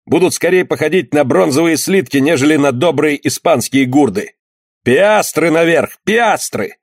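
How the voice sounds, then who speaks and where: Male reader voicing a furious pirate captain: raised, shouting, commanding. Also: fairly high pitch, husky, no room sound, studio quality, pitched above the performer's own voice, heavily acted. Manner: shouting orders, frenzied.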